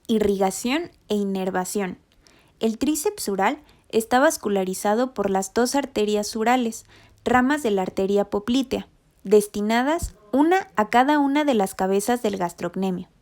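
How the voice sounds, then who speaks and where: A woman giving a scripted, methodical narration for a rehabilitation lesson, reading anatomy terms in an even voice-over. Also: mid-range voice, normal speed. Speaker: rehabilitation instructor.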